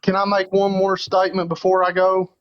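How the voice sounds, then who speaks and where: Earnest caller with a Southern accent. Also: male voice, high-pitched, monotone, fairly quick, lo-fi sound. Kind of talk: casual call-in chat.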